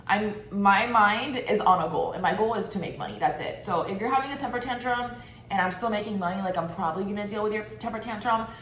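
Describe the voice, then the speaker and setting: A woman's voice: mid-range voice, quick pace, a bit bright. A young woman vlogger telling a story in a casual monologue, candid and blunt, with profanity and sarcastic asides. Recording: echoey room with faint ambient noise.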